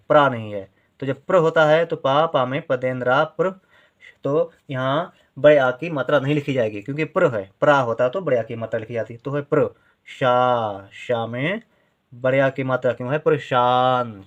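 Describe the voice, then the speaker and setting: A man teaching handwriting step by step, slow and patient, breaking words into syllables and repeating each one. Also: medium pitch. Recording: dull lo-fi sound.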